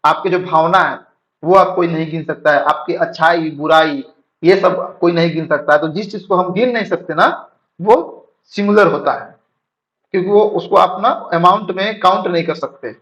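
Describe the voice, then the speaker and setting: A man teaching English grammar in Hindi, reading sentences slowly and checking his students follow. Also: high voice, fairly bright tone. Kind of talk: classroom-style grammar lesson. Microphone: writing on a board while talking. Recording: dull lo-fi sound.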